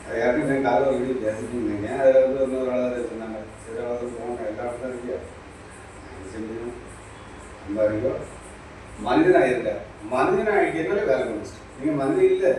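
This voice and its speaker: A man's voice: mid-range voice, animated, a little fast, darkish tone. Man, spiritual teacher, repetitive preachy delivery; distant, echo-heavy recording with faint noise. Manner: preachy, repetitive, addresses listener directly. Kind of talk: impromptu spiritual talk. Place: small shop.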